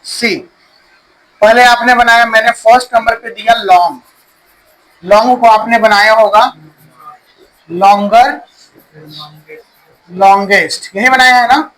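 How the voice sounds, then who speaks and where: A man leads a classroom grammar lesson, slow and deliberate, often stopping to check that students follow. His voice sits high and sounds crisp and bright. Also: low-quality recording. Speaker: English teacher.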